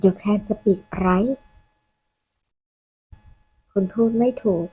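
A woman reading short phrase pairs for a language lesson, one at a time, in a slow and measured way with pauses between them. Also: mid-range voice, warm tone, slight background noise, rough recording. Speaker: language teacher.

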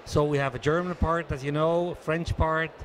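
Swiss guy, 60s, a bit high voice, careful slow interview talk, handheld mic at a conference booth. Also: fairly even intonation, slight background noise. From Switzerland. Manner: measured, businesslike, many hesitations. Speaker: interviewee, association treasurer.

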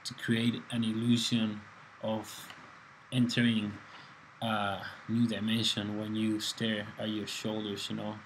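A man's voice: on the low side, completely flat delivery, slow, slight background noise, rough recording. A man from Spain, a fitness coach giving a casual, joking workout voice-over with plenty of swearing. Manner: laid-back, swearing, joking banter. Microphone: voice-over, close mic.

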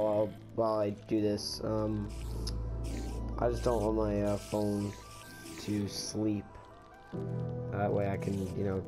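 A young man giving casual Let's Play commentary as a gaming video host, talking in a hesitant, rambling way. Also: vocal fry. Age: teen to young adult. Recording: low voice level under music. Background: game music.

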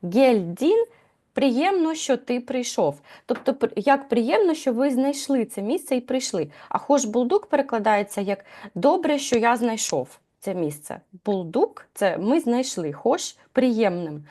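A woman runs a live language lesson, her pitch sitting a little high and swinging widely as she explains. She talks patiently, asks her students questions and pauses with small fillers while she thinks. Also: animated, mellow. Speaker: Turkish language teacher.

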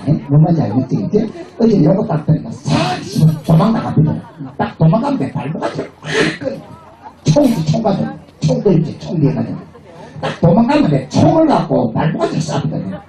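A husky-voiced man doing crude, swearing comedy banter with the crowd, mimicking voices and laughing between jokes. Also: high voice, warm tone. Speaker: pumba street performer. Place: outdoor beach stage. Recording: roomy PA sound from far off, crowd. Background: crowd and music.

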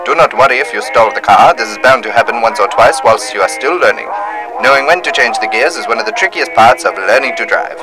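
A man's voice: mid-range voice, expressive, fast talker, rough recording. A man presenting a scripted 1930s-style instructional film as narrator, with a formal, old-time announcer delivery. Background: music.

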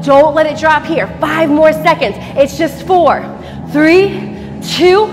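A woman in her thirties coaching a high-energy workout class, barking urgent, motivating commands like a gym coach. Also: slow pace. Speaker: fitness instructor. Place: large empty dance studio, indoors. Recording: echoey studio hall, distant mic, faint music.

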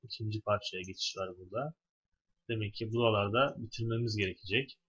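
A man's voice: fairly low pitch, fast, a bit bright, breathy edge, highs cut off. A man teaching an Arabic lesson, reading a story phrase by phrase and translating each piece for his students. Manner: reads a phrase in Arabic, then translates it word by word; explanatory, addresses students directly. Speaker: religious high school Arabic teacher.

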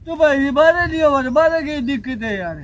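A man's voice: very high-pitched, fairly quick, a bit bright. A man with a Rajasthani accent acting a bossy, boastful elder brother who eggs on a timid man in a village comedy skit. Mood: puzzled, scolding. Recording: noisy outdoor village recording.

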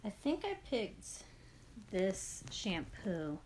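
A woman's voice: medium pitch, big pitch swings, drawn-out words, darkish tone, a little hiss or hum, low-quality recording. A woman vlogger in casual, gushing unboxing chat, full of "like" fillers. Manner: chatty, gushing, lots of "like" fillers.

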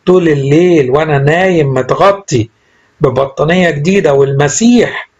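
Gentle selfless old bishop, read by a man, Egyptian Arabic accent, calm and fatherly, slightly raised husky voice. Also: on the high side, moderate pace, muffled recording.

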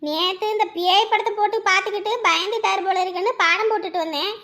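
A woman's voice: extremely high pitch, fairly even intonation, fast talker, pushed and bright. A woman, chatting and scolding in a neighbourly skit. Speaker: performer voicing village women. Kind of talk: village comedy skit dialogue.

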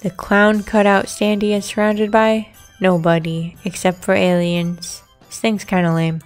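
A woman's voice: medium pitch, level tone, a little slow. Woman, game narrator, scripted reading, casual asides, background music.

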